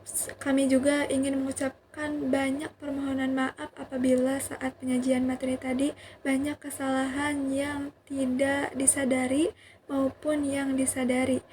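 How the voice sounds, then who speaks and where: A woman's voice: sits high, darkish tone, slight background noise. A young woman student moderating a class presentation, announcing questions and closing with polite, formal words. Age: young adult.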